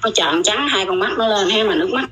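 A woman's voice: medium pitch, expressive, fast, a crowd in the background, rough recording. A middle-aged woman, telling her own story in casual, rambling talk and often repeating her words.

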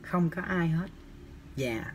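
Speaking at a slow pace in a slightly high voice, a young livestream host reads viewers' comments and responds with campy, chatty teasing and animated, exaggerated gestures. The setting is a small indoor room, the mic is his phone camera at arm's length, and there's a bit of background noise.

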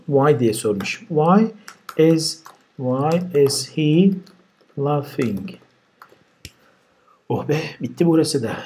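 A man teaching a recorded grammar lesson. He explains step by step, says example sentences slowly and deliberately, and adds dry asides. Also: a little high, mellow, slightly rough. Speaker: language teacher. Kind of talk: recorded grammar lesson walking through exercises.

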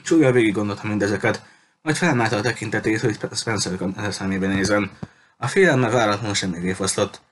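A man narrating an audiobook chapter with a low voice. His storytelling is steady and even, with a faint noise underneath.

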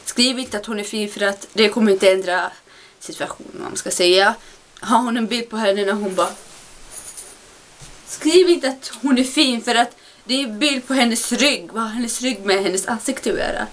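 Exasperated young woman ranting at her webcam. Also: a bit bright. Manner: exasperated, mocks others in high voices. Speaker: vlogger. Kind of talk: casual vlog rant.

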